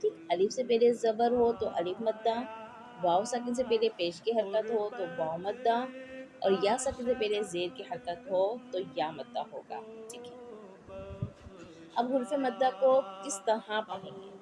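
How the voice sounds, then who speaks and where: Slow, patient woman teaching Quran reading. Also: a little high, over music. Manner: patient, repeats points and keeps asking "ठीक है?". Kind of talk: slow explanatory lesson with spelled-out drills.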